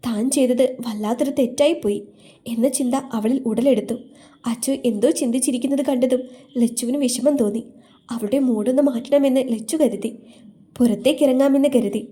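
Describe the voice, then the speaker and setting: A woman storyteller narrates a romantic story in a steady, even reading voice. Her voice sits on the high side for a woman, but it stays mellow and soft-edged. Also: a little fast.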